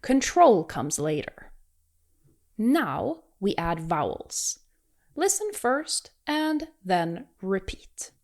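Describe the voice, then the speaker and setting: A woman's voice: medium pitch, very animated, drawn-out words, darkish tone. A woman teaching pronunciation in an encouraging, reassuring way, demonstrating exaggerated rolled R sounds for learners to repeat. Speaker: language teacher. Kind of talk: pronunciation lesson with pauses to repeat.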